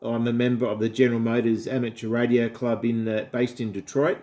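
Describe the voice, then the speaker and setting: An Australian man chats casually over ham radio in a friendly, complimentary way. His mid-range voice is brisk and warm, with little pitch movement.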